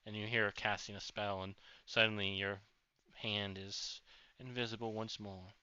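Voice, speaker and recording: A man's voice: fairly low pitch, level tone, normal speed, sharp tone, smooth, no echo. A man narrating as game master of a tabletop game, rambling with many fillers and restarts. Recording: dull lo-fi audio.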